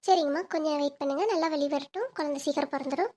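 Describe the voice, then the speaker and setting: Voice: high-pitched, racing, a little mellow, close to an everyday voice. A child acting as a frightened young woman in labor, pleading and complaining in a home skit. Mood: worried.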